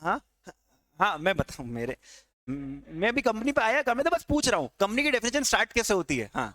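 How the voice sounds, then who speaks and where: A man's voice: high voice, sing-song, fairly quick, sharp tone. A man teaching a tax law class with an Indian accent, quizzing students and answering his own questions. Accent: Indian English. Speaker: tax lecturer. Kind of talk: classroom lecture.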